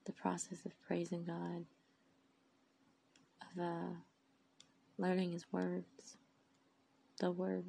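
A tired, tearful woman speaks in a low, gravelly voice, rambling and emphatic as she encourages her listeners. Her tone stays flat and mellow, with faint noise underneath. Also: slow, pauses often. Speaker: faith vlogger. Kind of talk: inspirational monologue.

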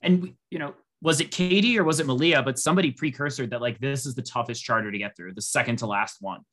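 A man's voice: medium pitch, quick pace. Chatty man recapping a show. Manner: rambling, filler-heavy, animated when quoting. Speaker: podcast co-host. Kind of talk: casual chat recapping a reality show.

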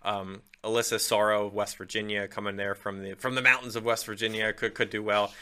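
A man's voice: lowish voice, level tone, a little fast, bright, forceful tone, smooth. A man co-hosting a running podcast, giving casual race analysis and thinking aloud with many fillers.

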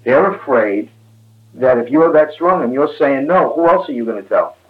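A man's voice: medium pitch, lively intonation, normal speed. A man explaining police life informally, plain-spoken and emphatic, acting out bits of dialogue as he goes. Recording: muffled lo-fi tape with faint hum.

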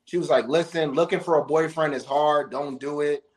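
A man co-hosting a casual talk show, telling stories in an animated, laughing way. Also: on the high side, moderate pace. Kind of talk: casual chat.

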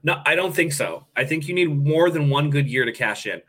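Male podcast co-host, bright and forceful, analytical casual sports talk. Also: on the high side, lively intonation, a little fast, husky. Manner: analytical, repeats phrases while building a point.

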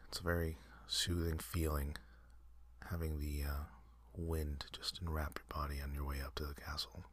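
A man hosting an ASMR channel, leading a soft, halting whispered guided meditation with many pauses and fillers. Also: extremely low pitch, slightly rough, no echo. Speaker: ASMR host.

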